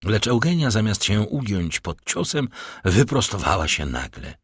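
A man narrating a classic novel as an audiobook in a measured storytelling manner. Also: lowish voice, sing-song, husky, dry recording, clean studio sound.

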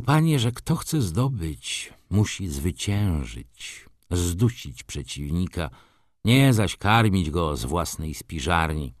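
Shrewd lawyer, read by a man: frank and lecturing, lively pitch, unhurried. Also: no room sound, studio quality, heavily acted. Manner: frank, lecturing, mildly mocking. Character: blunt shrewd male lawyer, middle-aged.

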